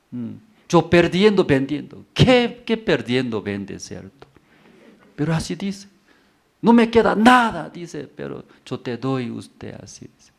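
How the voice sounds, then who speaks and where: A man's voice: mid-range voice, creaky. A male pastor preaching a sermon in simple, broken Spanish, repeating phrases for emphasis and asking the congregation rhetorical questions.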